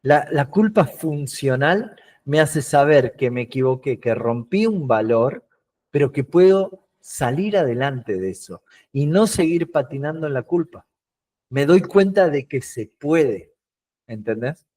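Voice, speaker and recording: A man's voice: a little high, animated, unhurried, a little mellow. A man with a Rioplatense Spanish accent, teaching an online emotional coaching class. He talks animatedly, acts out short dialogues in his examples, and often repeats words while searching for the next one. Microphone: video call.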